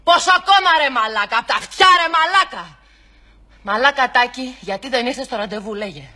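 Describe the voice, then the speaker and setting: A woman playing a furious, foul-mouthed woman who yells insults at a man who missed a meeting. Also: fairly high pitch, animated. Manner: yelling streams of insults. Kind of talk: comedy sketch acting.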